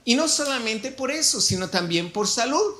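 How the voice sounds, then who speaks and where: A man with a Mexican Spanish accent, a pastor telling an animated story in a sermon and acting out the dialogue. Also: very high-pitched, moderate pace. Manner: storytelling, animated, acts out dialogue with shifting volume.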